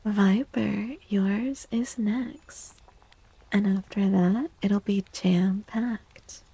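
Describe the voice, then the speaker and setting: Her voice mid-range and intonation fairly even, a woman runs a gentle ASMR stream, speaking slowly in a breathy, mellow tone that slips toward whispering, with a creaky edge. She repeats small soothing phrases. The recording is dry and of low quality.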